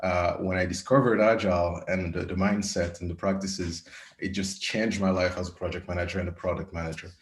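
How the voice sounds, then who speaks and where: A man from West Africa, an agile coach, introducing himself on a panel with many pauses and ums. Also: deep voice, flat delivery, echoey room. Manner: hesitant, many ums and uhs.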